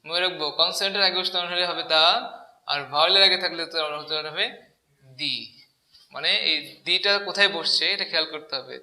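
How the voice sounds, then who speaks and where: A man's voice: on the high side, fast talker, pauses often, sharp tone. A man teaching an English grammar lesson, asking the class questions and repeating key words. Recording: echoey room.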